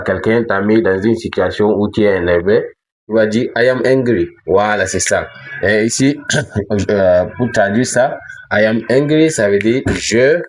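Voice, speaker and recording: A man teaching English in a lesson, talking hesitantly with frequent fillers, restarts and repetitions, and spelling words out letter by letter. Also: fairly low pitch. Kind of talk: French-language English lesson.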